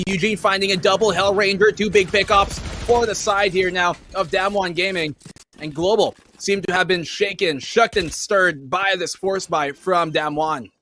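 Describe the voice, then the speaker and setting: A man's voice: sits high, sharp tone, a little hiss or hum. A man giving live esports play-by-play commentary in a flowing, colorful caster patter.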